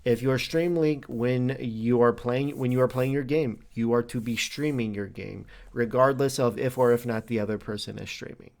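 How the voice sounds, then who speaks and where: A man hosting a weekly league show, explaining rule violations in a halting but firm way with many fillers. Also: mid-range voice, vocal fry, a little mellow. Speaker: league commissioner host. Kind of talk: casual league update talk.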